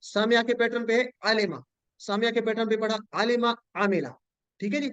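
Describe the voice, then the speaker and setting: A man's voice: extremely high pitch, fairly even intonation, a little fast, a bit bright, clean tone, dry recording, lo-fi sound. A man teaching an online class, patiently drilling word patterns with his students.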